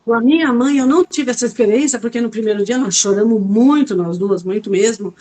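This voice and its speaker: A middle-aged woman, a guest telling a personal story in an animated way and acting out dialogue. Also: fairly high pitch, brisk. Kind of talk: conversational storytelling.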